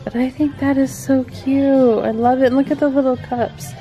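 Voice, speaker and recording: A middle-aged woman films a chatty shopping vlog in a home decor store on a handheld camera, gushing over cute items. Her high-sitting, warm voice keeps fairly even intonation at a moderate pace, and the audio is dull with faint music behind.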